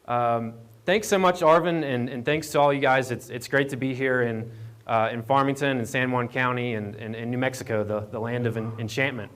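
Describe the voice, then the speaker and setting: An economic development program manager from Appalachian Virginia, United States, speaks as a guest at a live conference event, standing away from the podium and double mic'd. His mid-range voice is fairly bright, with fairly even intonation and a moderate pace. The presentation is informal, with frequent repeated words and restarts.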